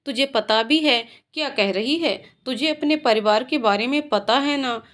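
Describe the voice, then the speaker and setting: Woman doing a bossy worried friend, high voice, scolding. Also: a little slow, fairly bright tone. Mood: alarmed. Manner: scolding, blunt. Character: worried young woman friend, blunt and caring.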